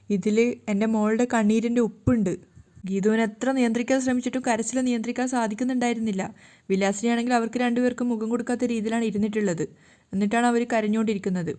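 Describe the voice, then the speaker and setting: Brief: woman storyteller, mellow, plain steady retelling. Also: fairly high pitch. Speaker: storyteller recapping a serial. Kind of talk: casual story recap narration.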